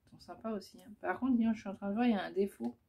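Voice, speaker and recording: Talking very fast in a warm, gravelly mid-range voice, a woman chats about her scrapbooking crafts as a vlogger. It's casual show-and-tell, hesitant and packed with fillers.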